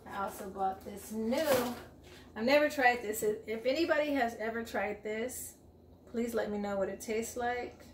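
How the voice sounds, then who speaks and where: Her voice is a little high and moves at a moderate pace. She's a vlogger in her forties, cheerfully chatting to viewers in a casual grocery haul video, filmed on a camera at arm's length in an echoey home kitchen with faint room noise.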